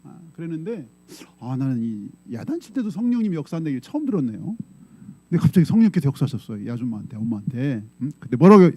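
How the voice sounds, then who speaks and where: A middle-aged male pastor preaches a conversational sermon in a church sanctuary, his fairly high voice captured in a dry, lo-fi recording. He checks in with the congregation often and acts out quoted voices in short, dramatic bursts.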